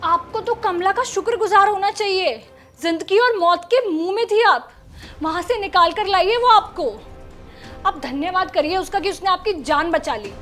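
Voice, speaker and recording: A woman's voice: high voice, animated, moderate pace. A woman playing a pleading young daughter-in-law. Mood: indignant. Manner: soothing, pleading, later indignant. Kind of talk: short film acting. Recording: dialogue with loud background music.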